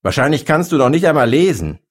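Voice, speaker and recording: A man voicing a rude, blasé male shopkeeper who shouts shrilly. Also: fairly high pitch, very animated, a little fast, pitched above the performer's own voice. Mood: shrill, angry.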